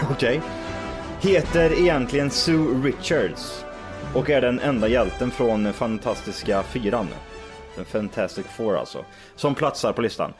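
A man's voice: mid-range voice, over music. A man co-hosting a casual podcast, reading out a top ten list and laughing often. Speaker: podcast co-host.

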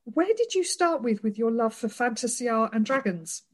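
A woman's voice: a little high, expressive, moderate pace, a little mellow. A woman hosting a casual podcast chat, speaking in an upbeat, enthusiastic way. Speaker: podcast host.

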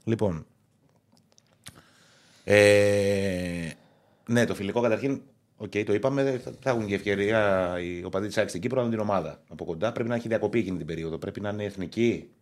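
Man in his thirties, low voice. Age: 30s. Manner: reads out club news, then banters. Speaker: sports podcast co-host. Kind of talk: casual sports chat.

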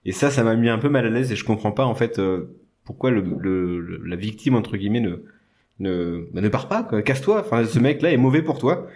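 A man's voice: on the low side, normal speed, darkish tone. A man co-hosting a casual film podcast, rambling with many restarts and jokey asides. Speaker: podcast co-host. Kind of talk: casual chat about films.

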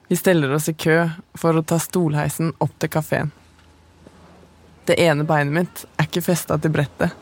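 A woman, the podcast's narrator, telling her own story in calm, measured, scripted first-person narration. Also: low voice, husky.

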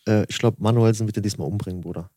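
A man's voice: on the low side, racing, warm tone, no room sound. A man hosting a podcast in casual chat, pushy and talking over the others, often repeating himself. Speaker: podcast host.

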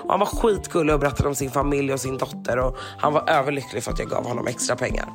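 Woman rambling through a wild story on a podcast, acts out what everyone said, lots of fillers, faint music in the back. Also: a bass voice. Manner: animated storyteller who acts out what people said, with heavy filler words. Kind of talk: casual chat, storytelling.

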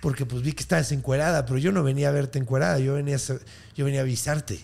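A man's voice: medium pitch, steady tone, racing, creaky, darkish tone, natural voice. A man voicing a timid young male servant making nervous excuses. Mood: pleading. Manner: stammering excuses.

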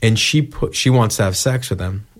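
A man's voice: fairly low pitch, expressive, moderate pace. A man co-hosting a podcast in casual chat, sarcastic and jokey, swearing freely. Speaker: podcast co-host.

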